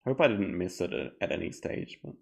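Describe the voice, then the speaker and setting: Guy live-streaming board games, kinda deep, lots of vocal fry, just chatting through his moves. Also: a little fast. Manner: thinking aloud, relaxed and chatty. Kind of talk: casual live game commentary.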